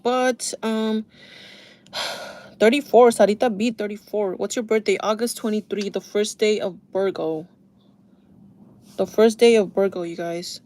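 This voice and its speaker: A woman's voice: mid-range voice, steady tone, a little slow, pauses often, mellow. A woman in her thirties chatting casually to her viewers while doing her makeup, confiding and talking straight to them. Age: 30s. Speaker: beauty vlogger.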